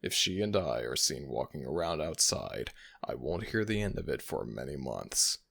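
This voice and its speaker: Heavily acted, this ASMR roleplay has a man playing an ancient jackal-headed god of the dead, both commanding and tender. He speaks in a deep, slow, gravelly voice with big pitch swings and a fairly bright tone.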